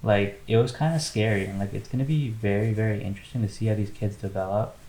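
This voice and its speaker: A young man talks in a relaxed, reflective way as a podcast co-host. His voice is low. The sound has a roomy echo. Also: quick pace. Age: young adult. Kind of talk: casual chat.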